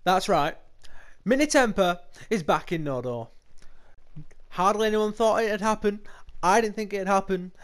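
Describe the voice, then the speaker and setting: A man's voice: sits high, expressive, a little slow, pauses often. Crude, mocking man hosting. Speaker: show host. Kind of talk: casual commentary over clips.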